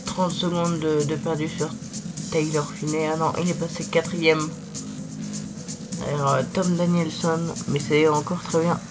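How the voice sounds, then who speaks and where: A young man commentating casually on a cycling video game, halting and repeating himself, his voice weakened by swollen tonsils. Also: on the high side, flat delivery, poor audio. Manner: halting, repeats words while searching. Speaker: gaming video host. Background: loud music.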